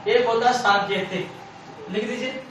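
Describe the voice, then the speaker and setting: A man's voice: very high voice, steady tone, unhurried, a bit bright. Male tutor who drills repeated Q&A, recorded from far off with faint hiss. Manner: repetitive, asks and answers own questions. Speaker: teacher. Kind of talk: exam-prep lecture. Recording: echoey room, far from mic, faint hiss.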